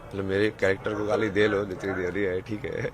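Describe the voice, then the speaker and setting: A man's voice: sits low, flat delivery, a little fast. A man talking in a rambling, musing way during an interview, dropping English words into his speech. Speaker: interviewee, spiritual seeker. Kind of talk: rambling casual conversation. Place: outdoors at a crowded religious gathering. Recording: loud crowd noise behind. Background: crowd chatter.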